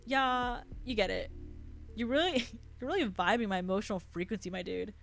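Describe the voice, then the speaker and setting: A woman's voice: mid-range voice, moderate pace, gravelly, fairly bright tone, soft background music. Woman doing a smug Valley Girl young streamer. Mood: boastful. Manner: Valley Girl drawl, slangy internet speak.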